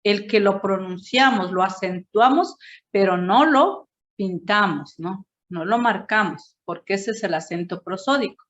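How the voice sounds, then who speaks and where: A woman teacher explaining a grammar point slowly to a class, checking in with "no?" after each point. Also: mid-range voice, dull audio. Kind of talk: classroom teaching, correcting a student presentation.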